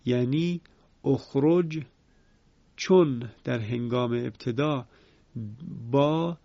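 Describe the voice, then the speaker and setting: A man teaching the rules of Quran recitation in a formal, measured way, slowly repeating each example. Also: mid-range voice, gravelly, a little mellow, dry recording. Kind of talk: formal spoken lesson. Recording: dry, slightly dull lo-fi sound.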